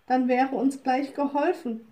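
A woman's voice: high-pitched, steady tone, measured pace, warm tone. A woman voicing poor, worried old wood-gathering women in a storybook, speaking plaintively. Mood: resigned.

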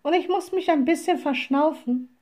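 A woman voicing a cheeky little old witch who talks high and sweetly mocking. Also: normal speed, darkish tone, lightly acted. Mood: sly sweet.

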